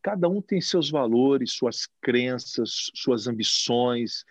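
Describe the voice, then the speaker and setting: A man who manages a TV station, answering interview questions in a reflective, expressive way and gesturing as he talks, recorded in a TV recording studio. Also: mid-range voice, slow pace, dry recording. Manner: expressive, speaks with his hands.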